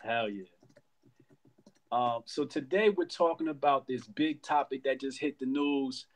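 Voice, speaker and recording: A man's voice: mid-range voice, a little slow. Laid-back man hosting a live stream. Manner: relaxed, slangy, chatty. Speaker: host of a live stream debate. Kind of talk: casual live stream chat.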